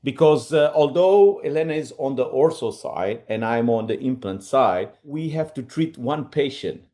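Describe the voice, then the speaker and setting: Relaxed dentist presenting. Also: male voice, medium pitch, moderate pace. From Portugal. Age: middle-aged. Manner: relaxed, many fillers, slightly non-native phrasing. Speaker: implant dentist, webinar co-host. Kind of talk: casual presentation.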